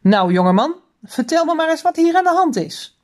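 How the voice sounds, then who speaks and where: A woman's voice: high-pitched, sing-song, normal speed, voice pushed up. A woman voicing a mother in a children's story who teases and scolds her family. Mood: stern. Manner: teasing then stern. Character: teasing mother, stern when needed.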